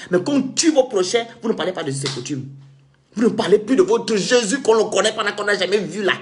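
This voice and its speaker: A man's voice: sits high, slight background noise. A man from Cameroon, delivering an indignant, sarcastic monologue rant as a vlogger.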